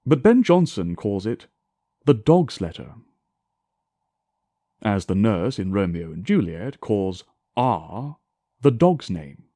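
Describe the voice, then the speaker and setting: Formal man lecturing with very animated intonation. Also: on the low side, no echo. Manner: formal, deliberate, declamatory delivery with emphatic enunciation. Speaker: lecturer on historical English pronunciation. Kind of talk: scripted scholarly lecture.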